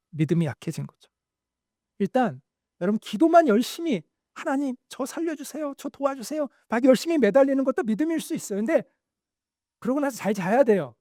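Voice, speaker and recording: High-voiced animated male pastor. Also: no room sound, clean studio sound. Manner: animated storytelling, acting out quoted lines. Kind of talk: sermon.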